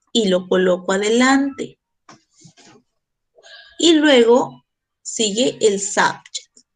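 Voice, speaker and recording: A woman teaching an English grammar lesson, laying out each step with great care. Her voice sits a little high, and she speaks at a very slow, measured pace. She explains patiently, like a teacher leading a class through a worksheet. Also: poor audio.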